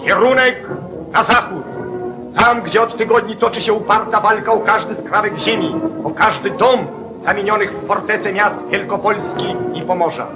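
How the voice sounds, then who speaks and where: A man's voice: high voice, fairly even intonation, moderate pace, muffled recording, over music. A man narrating a 1940s newsreel in a rousing, declamatory, rhetorical way, as on an old newsreel soundtrack.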